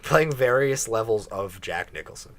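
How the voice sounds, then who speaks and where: A man's voice: fairly low pitch, animated, moderate pace. Joking, laughing male podcast co-host. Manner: laughing, joking banter with frequent restarts. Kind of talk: casual chat. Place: home basement.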